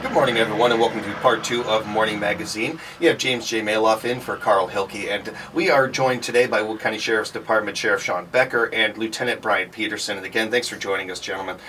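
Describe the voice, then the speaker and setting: A man speaks in a smooth radio-host manner, moving briskly through breaks, greetings and caller hand-offs. His voice sits a little low and keeps a fast clip. The mic sits some way off, with a faint hiss underneath. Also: bright, forceful tone, recorded from a distance, faint music behind. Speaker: radio talk show host.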